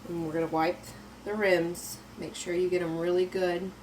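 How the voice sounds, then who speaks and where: A woman getting over an illness, talking through a kitchen canning tutorial in a relaxed, instructive way and repeating reminders. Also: lowish voice, normal speed, slight background noise, rough recording. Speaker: home canning vlogger. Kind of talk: casual step-by-step kitchen tutorial. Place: home kitchen.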